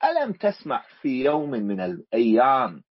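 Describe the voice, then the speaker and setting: Iraqi male teacher, husky and animated, drills students with repeated questions on dry lo-fi audio. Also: medium pitch, moderate pace, no echo. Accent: Iraqi Arabic. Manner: questioning, repeats key words to the class. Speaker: grammar teacher. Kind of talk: classroom grammar lesson. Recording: dull lo-fi recording.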